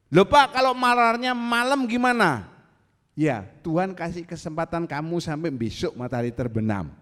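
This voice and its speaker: A man preaching to his congregation. His voice sits high and swings up and down as he teases and acts out scenes. It rings with the long reverb of a church hall. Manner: animated, teasing, acts out angry voices. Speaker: pastor. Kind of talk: sermon.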